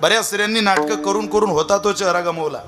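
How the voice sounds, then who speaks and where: Man, kirtan preacher, high voice, joking storyteller, preachy. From Vidarbha, Maharashtra. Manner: humorous storytelling with preachy asides; chants Sanskrit verse slowly. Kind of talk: devotional kirtan sermon.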